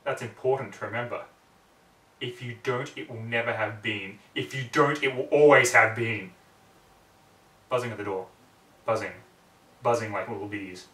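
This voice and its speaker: Recorded on a far-off microphone with roomy echo, a man narrates a story dramatically in a brooding, theatrical style, often in short clipped fragments. His mid-range, fairly bright voice keeps a normal speed but leaves long pauses.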